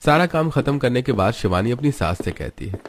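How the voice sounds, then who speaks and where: A man giving scripted narration for an animated story in a steady manner. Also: medium pitch, brisk, dry recording, studio quality.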